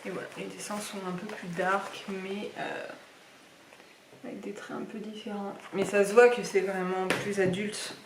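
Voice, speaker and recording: A woman's voice: mid-range voice, flat delivery, moderate pace, background noise. Young woman rambling about her books, lots of ums, roomy echo, bit far from the mic. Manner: chatty, rambling with many fillers. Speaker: book vlogger. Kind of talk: casual reading vlog chat. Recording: echoey room, somewhat far from mic.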